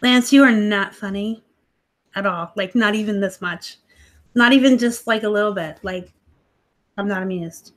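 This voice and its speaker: Speaking at normal speed with frequent pauses, this medium-pitched woman is an online reseller running a laid-back live stream from home. She reads viewer comments, gets a little snarky, and laughs a lot, all captured on a laptop.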